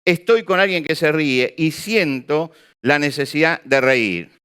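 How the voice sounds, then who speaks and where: A man's voice: on the high side, animated, unhurried, fairly bright tone, clear, resonant tone. A male pastor preaching to a live congregation, asking rhetorical questions and acting out small examples. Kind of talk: sermon. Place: church or hall with an audience.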